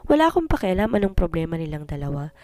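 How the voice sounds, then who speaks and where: A woman's voice: on the low side, very animated, fast talker, dark tone, no room sound. A woman voicing a pushy, impatient man who demands to take his niece, speaking in an irritated, demanding tone. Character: pushy impatient adult man, a child's uncle.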